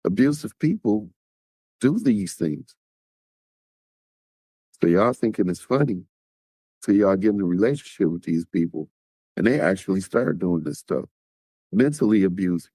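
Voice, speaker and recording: A man's voice: low-pitched, sing-song, normal speed, long pauses, mellow, slightly rough, no echo. A man hosts a podcast and talks casually straight to his listeners, now and then acting out what other people say. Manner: conversational, talks straight to listeners, acts out quotes. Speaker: podcast host.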